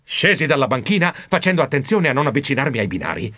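A man narrating a children's audiobook in the first person, animated and expressive. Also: mid-range voice, fast talker, no room sound, clean studio sound.

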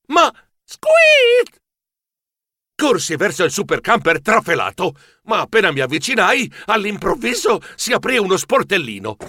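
A high, bright-toned man narrating a children's tale with wildly swinging intonation and lively exclamations. The recording is close and dry. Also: dry recording. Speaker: audiobook narrator. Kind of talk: animated children's story narration.

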